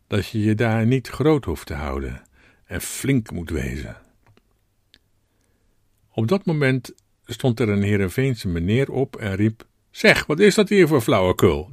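A male pastor delivering a sermon, telling a personal story in a reflective, gently rhetorical way. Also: lowish voice, no echo, clean studio sound.

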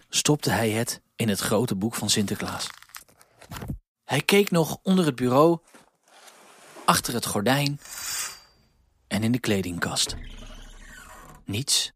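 A man narrating a children's storybook with expressive, clear delivery on a close mic. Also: mid-range voice.

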